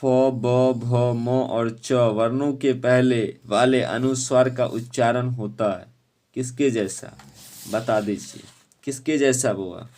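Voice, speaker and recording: Slow-talking teacher man. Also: mid-range voice, warm tone. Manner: quizzing students and urging quick answers. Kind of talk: exam-prep lesson.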